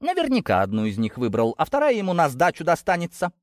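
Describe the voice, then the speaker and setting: High, mocking young gentlewoman, jealous and spiteful; a male narrator does her in a dry, close audiobook read. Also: very animated, fairly quick, dry recording. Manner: sneering, sharp, mocking. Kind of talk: audiobook character voice.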